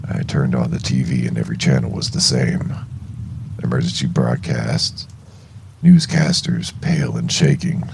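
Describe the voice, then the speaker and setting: A man playing an exhausted, shaken young survivor of a zombie outbreak, narrating a horror audio journal in a gravelly, halting voice. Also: background noise, heavily acted. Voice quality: very deep, gravelly, creaky. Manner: slow, halting, heavy dramatic pauses.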